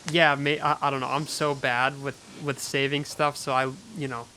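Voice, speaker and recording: A man's voice: medium pitch, flat delivery, normal speed, pushed and bright, low-quality recording. A man hosting a podcast interview in casual chat, laid-back and full of "like". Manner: laid-back, heavy use of "like". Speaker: podcast host. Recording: faint hiss.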